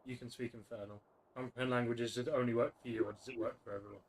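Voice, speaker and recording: A man running a tabletop fantasy game as game master, narrating off the cuff in a halting, self-correcting way. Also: mid-range voice, fairly even intonation, husky.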